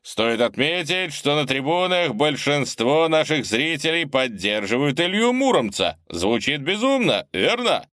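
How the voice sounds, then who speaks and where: Booming showman announcer as a man plays him, raised pitch, drawn-out words. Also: very animated, a bit bright, no echo, clean studio sound. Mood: hyped. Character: excited arena announcer man, loud showman.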